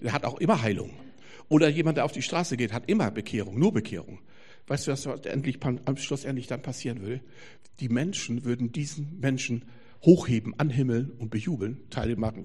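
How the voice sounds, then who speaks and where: A man preaching a sermon, telling stories lively and swinging from quiet asides to shouted emphasis. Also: medium pitch, slightly rough.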